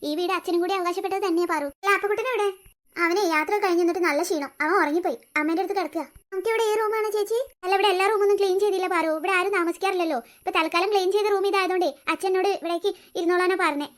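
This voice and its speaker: A woman's voice: extremely high pitch, racing. A woman voicing a caring teenage elder sister who explains things patiently, in a cartoon story. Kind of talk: cartoon voice acting.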